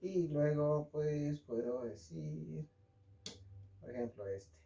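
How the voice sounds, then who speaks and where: A man's voice: a little high, takes it slowly, vocal fry, dark tone, highs cut off. A man teaching a casual online math lesson, joking and checking in with his students as he draws. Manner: chatty, jokey, asks "¿sí?" and "¿ok?" to check in.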